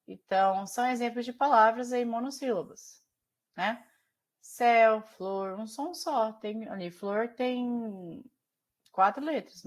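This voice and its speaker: A woman with a Brazilian accent teaching a Portuguese class over a video call, explaining slowly and often checking in with her students. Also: on the high side. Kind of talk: online class lecture.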